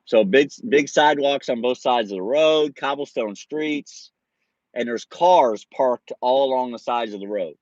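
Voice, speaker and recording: A man's voice: mid-range voice, unhurried, darkish tone, no room sound, dull audio. A man in his forties casually telling a story to his viewers, laid-back, laughing and swearing freely. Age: 40s. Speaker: streamer.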